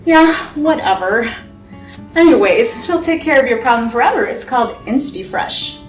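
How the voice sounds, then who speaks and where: A woman's voice: fairly high pitch, lively intonation, moderate pace, soft background music, natural voice. A woman playing a breezy, reassuring friend in a comedy sketch, casual and teasing. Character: breezy, reassuring female friend pushing a gadget. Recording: echoey room, distant mic.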